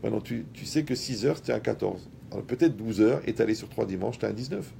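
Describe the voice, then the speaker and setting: A man with a low, heavily gravelly voice gives a talk in a relaxed, colloquial way. He speaks straight to his listeners and uses everyday examples. His tone is dark and mellow. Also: fast talker, a little hiss or hum. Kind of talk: lively talk to an audience.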